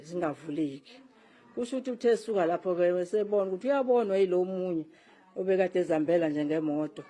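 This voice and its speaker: Older South African woman, low mellow voice. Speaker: bereaved relative giving an account. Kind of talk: spoken eyewitness-style account.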